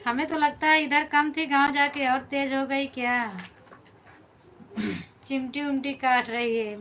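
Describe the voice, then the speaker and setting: A woman's voice: high-pitched, bright, forceful tone, slight background noise. Chatty Awadhi woman reading live comments. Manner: chatty, thanks viewers by name, answers comments one by one. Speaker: folk singer hosting a live stream. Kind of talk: casual live-stream chat reading viewer comments.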